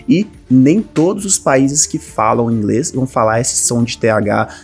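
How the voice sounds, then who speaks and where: Brazilian male teacher, lively and direct to camera, slightly husky voice, faint music bed. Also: medium pitch, a little slow. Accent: Brazilian Portuguese. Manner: lively, addresses viewers directly as a group. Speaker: English teacher. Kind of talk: online language lesson.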